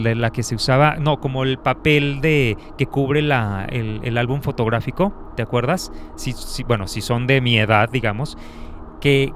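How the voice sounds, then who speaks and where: A middle-aged man hosting a paranormal radio show, chatting casually and thinking aloud with many restarts. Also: medium pitch. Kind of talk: casual storytelling chat. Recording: faint background noise.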